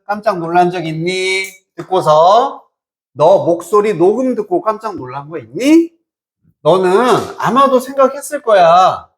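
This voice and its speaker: A male English teacher with a fairly high, very animated voice that swoops up and down. He lectures in a casual tone, drops English phrases into his explanation, and keeps firing quick check-in questions at his students. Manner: checks understanding with frequent quiz-like questions. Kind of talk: lecture explaining an exam passage.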